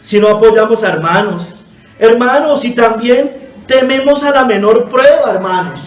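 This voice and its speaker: A man delivers a sermon as pastor, pleading earnestly and addressing his congregation as brothers and sisters. His voice sits high for a man. The sound is roomy and echoing, caught from some distance from the mic. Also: darkish tone. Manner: earnest exhortation, constantly calling listeners brother. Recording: echoey room, voice from a distance.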